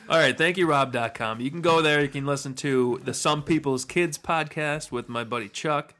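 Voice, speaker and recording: A man's voice: fairly high pitch, normal speed, sharp tone. A man hosting a casual podcast interview, chatty and joking with his guests. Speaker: podcast host.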